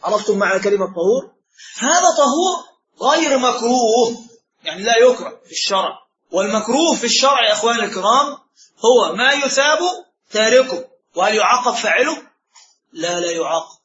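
A man's voice: very high-pitched, lively intonation, fairly quick, fairly bright tone. A man teaching a religious lesson as a sheikh, often checking with his listeners through rhetorical questions. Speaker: sheikh teaching Islamic law. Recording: roomy, dull lo-fi sound.

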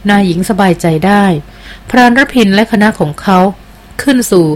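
A woman's voice: medium pitch, expressive, normal speed, close to an everyday voice. A woman reading a devoted, respectful jungle queen. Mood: earnest. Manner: deferential and earnest. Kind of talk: audiobook character reading.

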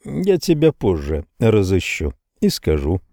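A man's voice: deep voice, huge pitch swings, measured pace, creaky, mellow, dry recording, studio quality, heavily acted. A male audiobook reader voicing a sluggish, evasive bond broker who mumbles his answers. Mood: mumbling.

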